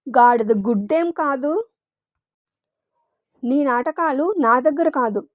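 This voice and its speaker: A teasing young lover in a read-aloud romance story, put on by a woman narrator. He needles his beloved, playful and sure of himself. The high voice sits close and dry. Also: slow, no echo.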